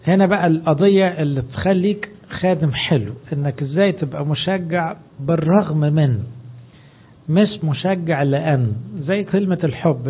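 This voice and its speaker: A man's voice: on the high side, slightly rough. A man with an Egyptian Arabic accent preaching a sermon, teaching as he goes and dropping English phrases into his Arabic. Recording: tinny phone-like sound.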